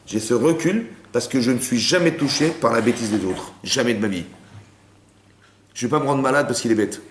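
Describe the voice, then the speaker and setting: Fast-talking rabbi in a roomy hall. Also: male voice, mid-range voice. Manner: keeps asking the class if they understood; mixes Hebrew terms into his talk. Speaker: rabbi teaching a women's class. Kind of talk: spoken Torah lesson. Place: lecture room with listeners. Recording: roomy room with faint background noise.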